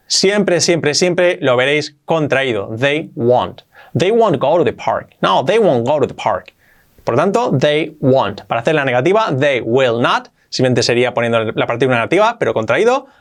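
Lively Spanish-accented English teacher. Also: male voice, mid-range voice, normal speed. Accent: Spain Spanish. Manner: lively, emphatic, repeats example sentences. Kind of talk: video lesson for Spanish speakers.

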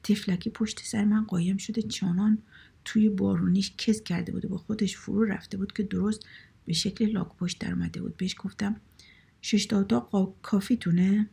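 Woman narrator, storybook reading, wry and conversational, very gravelly, breathy. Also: mid-range voice, steady tone, dark tone.

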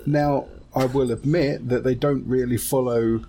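A man from Essex with an Essex accent and a husky voice, hosting a casual podcast chat. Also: medium pitch, steady tone, a little slow, background noise. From Essex, England. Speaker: podcast host.

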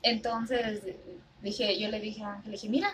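A woman's voice: medium pitch, fairly even intonation, moderate pace, far from the mic, slight background noise. A Mexican woman telling a story in a casual group chat. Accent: Mexican Spanish. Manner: chatty storytelling.

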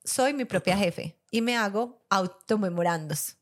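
A woman's voice: mid-range voice, a little slow. Laughing woman reading listener stories. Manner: reads aloud with frequent laughter and asides. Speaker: podcast co-host. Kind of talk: casual podcast chat, reading listener stories.

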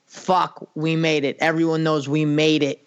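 Male podcast co-host, slightly high voice, casual and halting, swears now and then. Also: flat delivery, clean tone, lo-fi sound.

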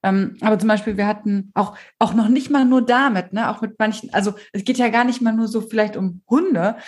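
A woman's voice: medium pitch, brisk, a little mellow. A woman chatting casually and telling an anecdote, with many fillers and a tag question after her sentences. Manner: chatty, filler-heavy, often adds "ne?". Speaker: co-host, dog trainer. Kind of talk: casual chat.

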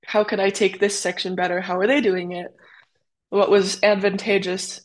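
A woman's voice: medium pitch, flat delivery, normal speed. Chatty young woman racer. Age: young adult. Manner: chatty, with many fillers and quoted asides. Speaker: cyclocross racer, guest. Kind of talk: casual interview answers.

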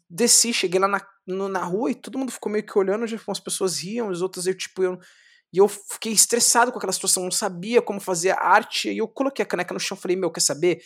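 A young man from Brazil, a street clown, telling his story in a casual interview, lively, swearing often and acting out what he said back then. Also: sits high. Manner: animated, swearing, acts out his own past words.

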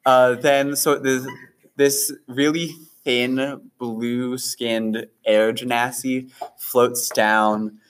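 Slow-talking male game master. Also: medium pitch, level tone, slight background noise. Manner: unhurried, with fillers. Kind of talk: narrating a tabletop game.

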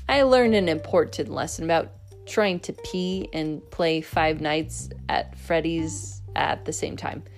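A woman narrating a children's chapter book in the first person with lively storytelling. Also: low voice. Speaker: audiobook narrator.

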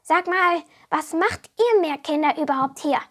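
A woman's voice: sits high, expressive, a little slow, fairly bright tone. A woman voicing a small, grumpy and boastful male water goblin who curses and brags indignantly. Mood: grumbling. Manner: indignant, cursing, bragging.

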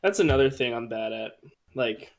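A man's voice: medium pitch, expressive, normal speed, slight background noise. A young man co-hosting a casual podcast chat, joking and swearing with frequent laughs. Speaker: podcast co-host.

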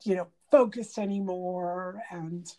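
A woman co-hosting a podcast in casual chat, talking haltingly with many fillers and restarts. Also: fairly low pitch, fairly even intonation, mellow. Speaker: podcast co-host. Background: pet bird chirping.

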